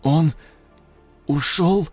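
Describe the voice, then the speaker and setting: A man voicing a frightened young male police trainee, talking in anxious, rushed questions. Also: on the high side, darkish tone, slightly rough, no echo, soft background music, pitched above the performer's own voice, heavily acted. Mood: terrified. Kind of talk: audiobook character voice.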